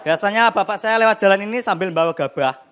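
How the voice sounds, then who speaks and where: A young man performing a stand-up comedy set on a TV studio stage, telling animated stories with acted-out voices and sound effects. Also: high-pitched, quick pace. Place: television studio stage with live audience. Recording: noisy broadcast with loud crowd laughter. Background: audience laughter.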